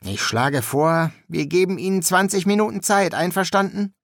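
A man's voice: high-pitched, moderate pace, no echo, clean studio sound, voice pushed up. A man voicing a cheerful young male assassin fresh from his final exam, breezy and chummy in manner.

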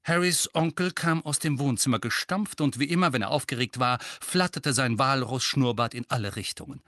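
A man narrating an audiobook in an expressive storytelling manner. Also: medium pitch, moderate pace, dry recording, clean studio sound. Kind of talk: scripted narration.

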